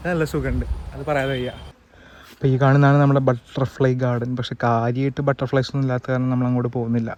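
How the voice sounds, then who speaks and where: A man's voice: medium pitch, a little hiss or hum. A man doing a casual travel vlog outdoors, chatting as he walks and explains what he sees. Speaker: travel vlogger. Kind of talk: casual walking-tour vlog. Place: outdoors at a nature sanctuary. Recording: voice over loud background music.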